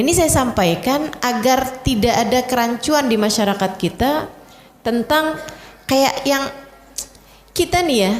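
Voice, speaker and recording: Woman preaching in an echoey hall. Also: sits high. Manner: conversational, acts out dialogue with her voice. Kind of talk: casual Islamic sermon. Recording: echoey hall with faint ambience.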